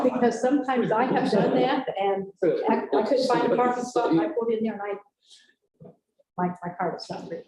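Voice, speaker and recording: A woman's voice: medium pitch, warm tone. A woman on a school board speaking frankly at a public meeting, with frequent restarts. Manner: frank, rambling, many restarts. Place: meeting room. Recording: echoey room mic from a distance.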